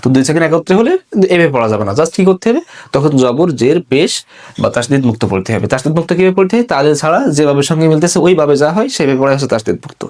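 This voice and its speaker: Fast-talking man teaching a grammar lesson. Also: a little high, expressive, a little mellow. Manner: explains step by step, asks and answers his own questions. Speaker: online Arabic grammar teacher. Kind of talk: recorded video lesson.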